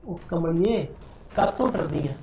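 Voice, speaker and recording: A man playing a controlling husband in a home-made web drama, talking low and menacing, every line an order. His mellow, dark voice sits in a dull, roomy recording, and faint music plays under it. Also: lively intonation, measured pace, a little hiss or hum. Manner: menacing, commanding. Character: controlling, threatening young husband. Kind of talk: amateur family drama acting.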